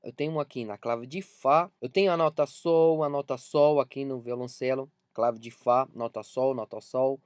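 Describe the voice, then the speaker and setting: A man's voice: mid-range voice, normal speed, hardly any pauses, clean tone, dry recording, studio quality. A man with a Brazilian Portuguese accent gives an online music lesson, talking emphatically and repeating key points to drive them home. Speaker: music teacher.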